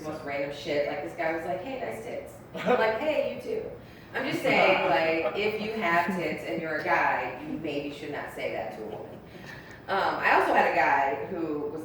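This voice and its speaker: Young woman doing crude stand-up, lots of ums and likes, echoey room, mic way off. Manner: blunt, crude and brash, with many ums and likes. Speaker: stand-up comedian. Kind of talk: stand-up set. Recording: echoey room, mic far off, faint rumble.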